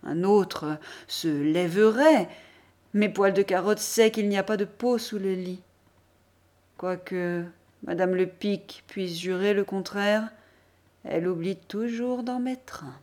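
A woman reading a classic novel aloud as an audiobook, measured and expressive. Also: medium pitch. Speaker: audiobook reader. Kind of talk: literary audiobook narration.

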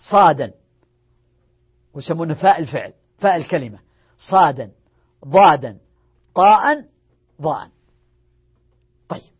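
A man with a high, slightly rough voice, a sheikh, delivers a grammar lecture on Arabic morphology to a class. He repeats each rule, drills word forms, and asks and answers questions himself. The recording sounds dull and lo-fi.

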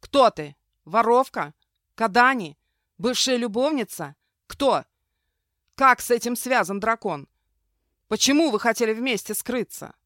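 A woman's voice: medium pitch, animated, moderate pace, fairly bright tone, no echo, clean studio sound, natural voice. A woman doing a brutal fanged captor. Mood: barking. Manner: barking interrogation. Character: brutal fanged red-eyed male captor, domineering.

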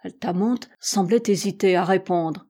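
Mellow-voiced woman reading an audiobook. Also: lowish voice, moderate pace. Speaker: audiobook reader. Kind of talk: scripted narration.

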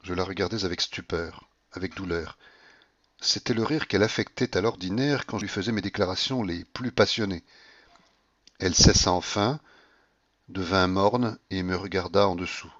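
A man reading a classic novel aloud in steady, measured audiobook narration. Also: low-pitched, no room sound, lo-fi sound. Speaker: audiobook reader.

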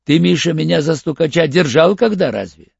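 A man voicing Fomin, a sly, wary older male crook who haggles in a cagey, hoarse voice, in an audiobook. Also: a little high, expressive, fairly quick, a little mellow, no room sound, dull audio, pitched above the performer's own voice, heavily acted. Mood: cagey, bargaining.

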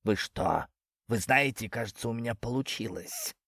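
A man voicing a timid male snake who whines and frightens easily, in a plaintive, drawn-out way. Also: medium pitch, vocal fry, a bit bright, breathy edge, dry recording, clean studio sound. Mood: bewildered.

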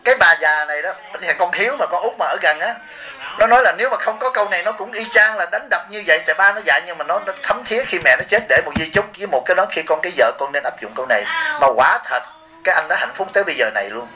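Fast, bright-voiced man telling stories. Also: sits high, animated. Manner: rambling storytelling, bantering with the audience. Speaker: monk giving a dharma talk. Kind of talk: informal sermon with anecdotes.

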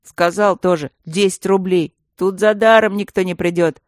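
A woman's voice: on the low side, fairly even intonation, moderate pace, no room sound, studio quality, natural voice. A woman voicing a loyal schoolboy who explains things in a matter-of-fact way. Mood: exasperated. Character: loyal knowing schoolboy friend.

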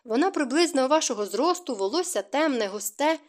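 A woman's voice: high-pitched, animated, a little fast, voice pushed up. A woman voicing a furious imperious duke. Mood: demanding. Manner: demanding, shouting, sarcastic. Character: angry, imperious young duke husband.

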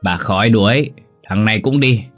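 Một người đàn ông giọng khàn, giọng miền Nam, lồng tiếng một gã trai trẻ say xỉn, lè nhè và ngang ngược. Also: male voice, lowish voice, moderate pace, soft background music, lightly acted. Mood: belligerent. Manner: slurred, defiant shouting. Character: drunk, belligerent young man, slurring.

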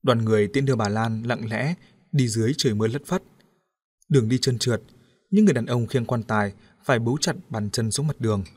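A man narrating an audiobook story in a steady, even storytelling manner. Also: medium pitch, brisk.

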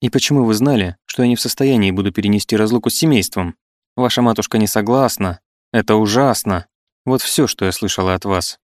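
A man's voice: fairly low pitch, a little fast, no echo, clean studio sound, close to an everyday voice. A man voicing a proud, wounded eighteen-year-old woman who speaks with impassioned reproach. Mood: reproachful. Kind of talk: audiobook character reading.

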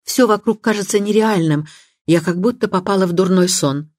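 A woman's voice: mid-range voice, moderate pace, darkish tone, no echo, clean studio sound, close to an everyday voice. A woman playing a blunt young woman. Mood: bewildered. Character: composed young woman, dancer's cousin.

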